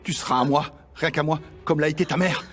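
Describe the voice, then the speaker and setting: An actor in a French-dubbed telenovela playing a sadistic, threatening villain who holds women hostage and taunts them. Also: male voice, on the high side, fast talker, lightly acted. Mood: menacing, gloating. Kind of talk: dubbed telenovela melodrama acting. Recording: dramatic music behind.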